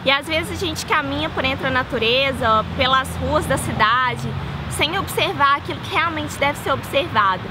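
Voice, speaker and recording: A woman's voice: high-pitched, normal speed. A young adult woman with a Brazilian Portuguese accent, speaking as a vlogger outdoors to her viewers. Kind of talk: casual video message and poem reading. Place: outdoors in a park or garden. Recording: outdoor ambient noise with distant traffic.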